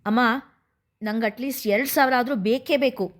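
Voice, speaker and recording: A woman's voice: fairly high pitch, brisk, lightly acted. A woman voicing a scheming, spoiled young woman who talks sharply and demands money. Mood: demanding.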